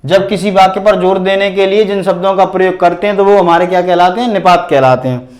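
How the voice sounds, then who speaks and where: A man teaching a grammar lesson in a video, slowly explaining with examples, repeating definitions and asking the class questions. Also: sits high, fairly even intonation, a little mellow. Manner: slow, deliberate explaining with spoken examples.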